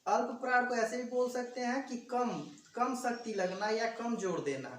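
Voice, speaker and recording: A grammar teacher giving an exam-prep video lesson, explaining step by step and sounding out letters slowly, addressing viewers as friends. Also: mid-range voice. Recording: echoey room, distant mic, faint background hum.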